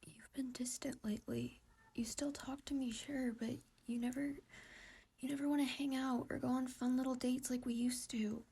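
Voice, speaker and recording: A woman's voice: high voice, fairly even intonation, normal speed, vocal fry, mellow, breathy edge, exaggerated voice. A woman voicing an anxious, distressed teenage boy in a whispered role-play, with shaky, pleading, self-questioning speech. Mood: tearful.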